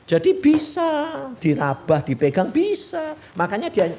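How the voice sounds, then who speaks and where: A man's voice: high-pitched, huge pitch swings, a little slow, a little mellow, a little hiss or hum. A male evangelist with a Javanese Indonesian accent, preaching a folksy sermon and answering his own questions. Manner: folksy, asks the congregation questions and answers them himself.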